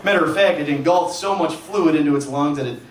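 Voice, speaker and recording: Man doing deadpan oversharing woman. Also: on the high side, slight background noise, close to an everyday voice. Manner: halting, filler-heavy with many "uh"s. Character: woman oversharing a grim dog story, deadpan. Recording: roomy venue with a distant mic and loud crowd.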